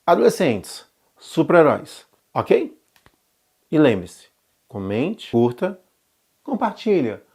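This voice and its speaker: A man's voice: medium pitch, dark tone. A man hosting a casual explainer, chatty, asking rhetorical questions and correcting himself as he goes. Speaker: show host.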